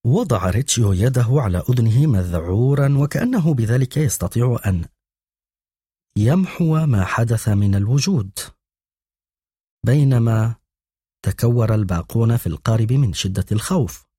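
A man reading a children's novel aloud as an audiobook narrator, in a measured storytelling manner. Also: medium pitch, animated, mellow, slightly rough, no echo, studio quality. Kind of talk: scripted narration.

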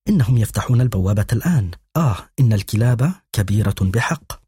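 A man reading a brisk commanding woman. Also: lowish voice, animated, slightly rough, dry recording, clean studio sound. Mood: hushed. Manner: urgent, hushed orders.

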